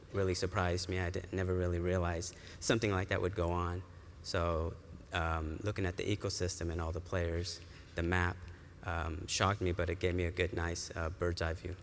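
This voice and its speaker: A man from East Africa who grew up in California, answering interview questions earnestly with fillers. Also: deep voice. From East Africa, raised in California. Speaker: student guest. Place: large conference hall. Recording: reverberant hall, faint room noise.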